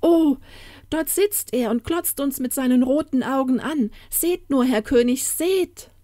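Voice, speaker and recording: Woman putting on a shrill panicky young peasant wife. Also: very animated, normal speed, mellow, no echo, clean studio sound. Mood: panicked. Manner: shrill, pleading cries.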